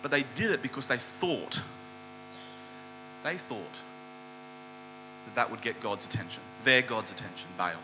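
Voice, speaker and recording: A man preaching a sermon, retelling a Bible story in a lively storytelling manner. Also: mid-range voice, measured pace, long pauses. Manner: storytelling, animated retelling with quoted voices. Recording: hall reverb with faint mains hum.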